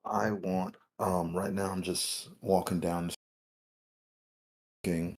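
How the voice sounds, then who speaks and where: A man with a very deep, gravelly voice speaks slowly and hesitantly as a player in a tabletop game. His mic keeps cutting out, leaving the volume uneven and patchy. He has a husky edge and a flat, low delivery. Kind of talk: casual roleplay over voice chat.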